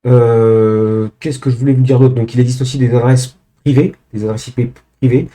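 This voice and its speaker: A man's voice: medium pitch, steady tone, normal speed, warm tone. A man presenting a screen-share tech tutorial, speaking to viewers directly, hesitant with many filler sounds and restarts.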